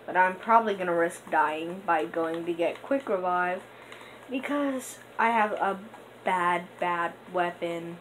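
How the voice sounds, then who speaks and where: A young woman talks through her gameplay slowly and loosely, with a slightly low voice. She wanders between thoughts with lots of fillers. Clear background noise runs under the recording. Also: rough recording. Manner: rambling and hesitant, with many fillers; bursts into excited gasps during play. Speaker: gaming channel host. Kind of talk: casual gameplay commentary.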